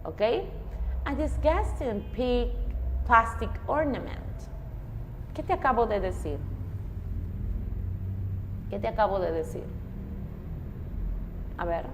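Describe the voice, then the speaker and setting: A woman with a Peruvian Spanish accent and a slightly high voice teaches an English class, explaining step by step and quizzing her students. The recording has a long reverb tail and a noisy background.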